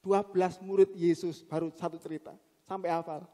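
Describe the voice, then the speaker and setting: High-voiced preacher man in a big hall. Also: brisk. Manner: animated preaching, swings from loud emphatic bursts to quiet recitation. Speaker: pastor. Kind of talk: sermon. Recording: long reverb of a big hall.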